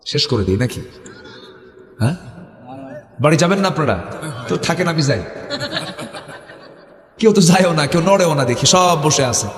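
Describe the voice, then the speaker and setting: A man with a North Bengal accent preaches to a crowd in a raised, fairly high voice, switching between loud calls and quiet asides. His sermon rings through an echoey hall with a long reverb tail. He keeps calling on the listeners to chant back. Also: animated, moderate pace, pauses often. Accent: North Bengal (Bogura) Bengali. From Bogura, Bangladesh. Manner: call-and-response, prompts the crowd to chant back; swings between loud exhortation and low asides. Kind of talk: Islamic sermon (waz) to a live crowd.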